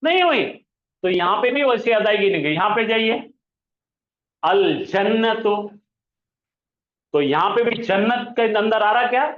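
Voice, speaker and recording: A man teaching an Arabic grammar lesson, asking the class questions and answering them himself, and drawing out example words slowly. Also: high-pitched, expressive. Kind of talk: classroom lesson explaining pronunciation. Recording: echoey room, slightly dull sound.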